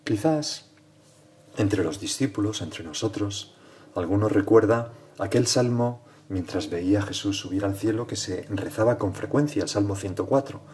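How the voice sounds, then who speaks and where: A priest leading a prayerful spoken meditation, speaking directly to the Lord and often dropping to hushed tones. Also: male voice, on the low side, moderate pace, slight background noise.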